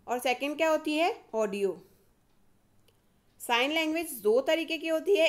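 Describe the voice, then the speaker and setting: A high-pitched woman with an Indian accent teaches a casual video lesson, lively in tone as she asks questions and then answers them herself.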